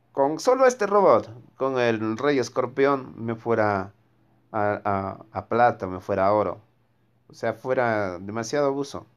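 A man's voice: medium pitch, clear, resonant tone. Chatty man narrating gameplay. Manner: chatty, rambling, talks to viewers while playing. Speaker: gaming streamer. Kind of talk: casual gameplay commentary.

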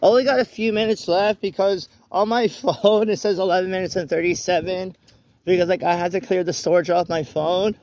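A man's voice: high-pitched, steady tone, a little fast, darkish tone. A young man talking into his phone while walking outdoors on a rainy night, rambling with many restarts and self-corrections. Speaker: vlogger. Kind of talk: casual walk-and-talk vlog. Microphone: phone camera held while walking.

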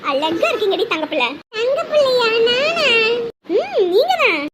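A tiny, very high voice of a little girl who thinks nobody loves her, as a woman puts her on. She speaks hesitantly, always near tears, over heavy noise. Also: wildly swooping pitch, normal speed, full character voice. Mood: shy. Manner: small, tearful, hesitant. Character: sad little girl who feels unwanted. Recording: loud background noise.

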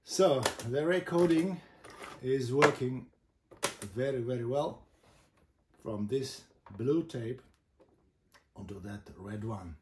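A man demonstrates a gadget in slow, halting phrases. His voice sits at an ordinary pitch in an echoey room, with loud noise and clicking around it. The delivery is informal and goes step by step. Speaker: host demonstrating vintage boomboxes. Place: indoor room with a table of boomboxes.

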